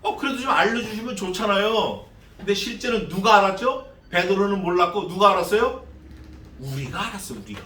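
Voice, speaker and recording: A male pastor preaching an expository sermon in a church, animated and conversational, acting out the voices of the figures he speaks of. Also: high-pitched, fairly quick, echoey room, far from the mic, a little hiss or hum. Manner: conversational, asks the congregation questions. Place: church sanctuary.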